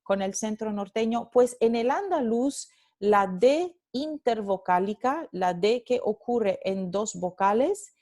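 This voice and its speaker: A woman gives a recorded Spanish phonetics lecture at a slow, unhurried pace. She moves between Spanish and English as she explains. She repeats example words aloud so students can hear them. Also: mid-range voice, mellow. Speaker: Spanish language instructor.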